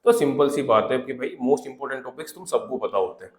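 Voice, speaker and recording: A man giving exam preparation tips in a casual, conversational way, often adding little check-in fillers. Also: mid-range voice. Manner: conversational, repeats fillers like "theek hai" and "hai na"; reads English notes aloud slowly, word by word. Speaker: exam prep teacher. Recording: echoey room.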